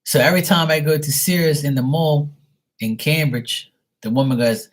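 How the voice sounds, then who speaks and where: A man's voice: fairly high pitch, moderate pace. A man from Bermuda, a tarot reader telling a rambling story on a live stream, blunt and swearing casually.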